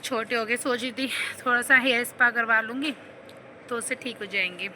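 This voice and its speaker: Young woman vlogger, high and bright voice, rambling chatty storyteller, faint traffic behind. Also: moderate pace. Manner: rambling, animated, laughs while telling stories. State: slight cough and sore throat.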